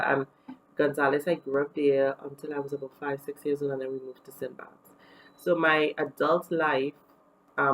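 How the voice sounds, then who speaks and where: A woman's voice: very deep voice, a little hiss or hum, low-quality recording. A woman from Trinidad and Tobago with a Trinidadian accent, chatting candidly in a casual get-to-know-me beauty vlog. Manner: chatty and candid, with many fillers. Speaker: beauty vlogger.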